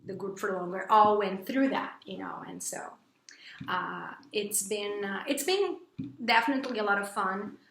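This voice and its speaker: A Brazilian woman, an English teacher and vlogger, chats casually to camera in English, her second language, with a Brazilian Portuguese accent. Her gravelly voice moves at normal speed, and she's chatty, full of fillers and restarts, breaking into high, excited quotes. The room sounds roomy, with a little hiss or hum.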